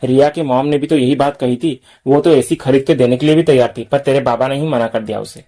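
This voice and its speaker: A sharp-tongued middle-aged mother with constant complaints, read out by a male reviewer. Her sarcasm comes through the words, with little change of voice. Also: medium pitch, fairly even intonation, brisk, lightly acted. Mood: complaining.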